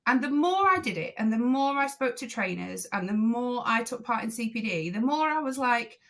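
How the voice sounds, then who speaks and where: A woman's voice: fairly high pitch, moderate pace. Chatty woman telling a story. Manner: animated storytelling, acting out quoted voices. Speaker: driving instructor trainer, podcast guest. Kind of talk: casual interview chat.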